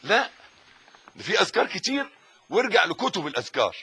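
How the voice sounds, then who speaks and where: An Egyptian man teaching a religious lesson in a bright, forceful voice with a husky edge. He swings from loud, insistent explanation to slow, hushed recitation, and his pitch sits a little high for a man. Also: very animated. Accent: Egyptian Arabic. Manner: emphatic, wide swings between loud insistence and soft murmured recitation.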